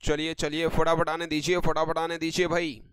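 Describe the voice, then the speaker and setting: भारतीय लहजे वाला एक पुरुष अंग्रेज़ी शिक्षक लाइव ऑनलाइन क्लास में व्याकरण समझाता है और दर्शकों को "बेटे" और "भाई" कहकर पुकारता है।. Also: male voice, a little high, level tone, a bit bright, smooth, dry recording. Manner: addresses viewers as beta and bhai, reads sentences slowly. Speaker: English grammar teacher. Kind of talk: live online lesson.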